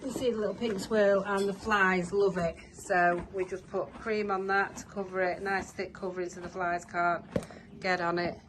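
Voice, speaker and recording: A middle-aged British woman with a croaky voice, chatting casually to viewers as a horse-owning vlogger. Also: medium pitch, level tone, moderate pace. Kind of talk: casual vlog chat. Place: in a car, then a stable yard. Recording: handheld vlog with background noise.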